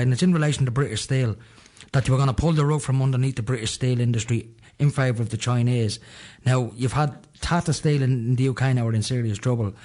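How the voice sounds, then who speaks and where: A rapid-fire Dublin man hosting a radio chat show, rambling along conversationally with plenty of fillers. His voice sits in an ordinary middle pitch. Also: a little mellow. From Ireland.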